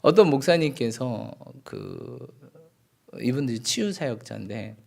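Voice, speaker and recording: A male pastor preaching a sermon in a church, telling a story and asking the congregation rhetorical questions, moving between loud exclamations and hushed asides. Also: mid-range voice, very animated, a little slow, vocal fry. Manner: swings between loud exclamations and hushed, near-whispered lines. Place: church sanctuary.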